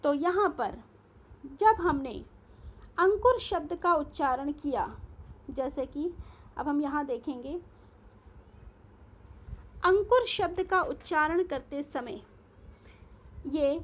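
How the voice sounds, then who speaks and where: A woman teacher giving a recorded school lesson, explaining carefully and spelling out sounds one by one. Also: high voice.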